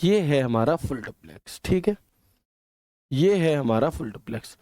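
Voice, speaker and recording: A man's voice: on the high side, expressive, moderate pace, darkish tone, no echo, studio quality. A male computer teacher with a way of speaking, lecturing in a chatty style and often checking whether the students understood. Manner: chatty, keeps asking "ठीक है", homely examples. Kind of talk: classroom lecture.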